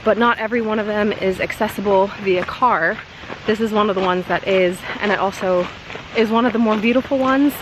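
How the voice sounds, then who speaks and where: A young woman vlogging her trip in an upbeat, chatty way, laughing often as she hikes outdoors. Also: medium pitch. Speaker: travel vlogger. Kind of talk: casual travel vlog narration. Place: outdoors on a windy mountain trail. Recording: noisy outdoor phone recording.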